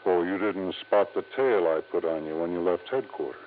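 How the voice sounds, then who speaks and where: Deep-voiced male lieutenant, actor-played, easygoing and teasing, muffled vintage radio drama. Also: fairly quick, a little hiss or hum, close to an everyday voice. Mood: amused. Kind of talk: 1950s-60s radio drama acting.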